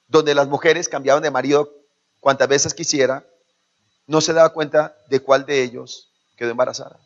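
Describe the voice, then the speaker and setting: A medium-pitched man with a Colombian Spanish accent preaches a sermon as pastor in a church, using call-and-response with the congregation. He acts out quoted parents in shifting voices, and the lo-fi sermon recording sounds dull.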